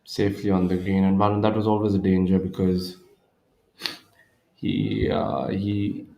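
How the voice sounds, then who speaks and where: A man working as a golf commentator, calling tournament play live in a measured manner with pauses. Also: low voice, level tone, vocal fry, mellow, muffled recording. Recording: roomy, echoing sound.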